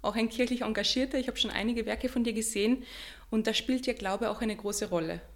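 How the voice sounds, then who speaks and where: A woman hosting a podcast, asking friendly, clearly phrased questions. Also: a little high, a little fast. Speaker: podcast host, editor. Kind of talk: interview podcast.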